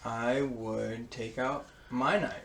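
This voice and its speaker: A man chatting casually off to the side, making quiet, mumbled, dry remarks. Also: mid-range voice, steady tone, slow pace, creaky, a little hiss or hum. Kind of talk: casual chat.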